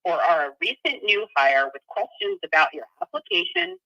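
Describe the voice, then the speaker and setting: A woman's voice on a recorded phone menu, bright and clear, with a lively rise and fall. She reads automated prompts slowly, with even spaces between them. The sound is dry and close, with no room around it. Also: mid-range voice, no room sound, dull audio. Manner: slow, evenly spaced prompts. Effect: recorded phone menu message played over a call. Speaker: automated phone line greeting.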